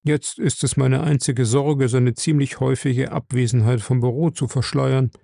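A man reading aloud and voicing a calm, stout, middle-aged office manager who speaks in a measured, confiding way. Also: mid-range voice, vocal fry, no echo, clean studio sound.

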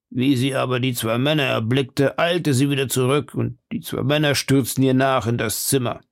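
A man reading a classic novel aloud in steady, measured scripted narration. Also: medium pitch, gravelly, no echo, studio quality. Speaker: audiobook narrator.

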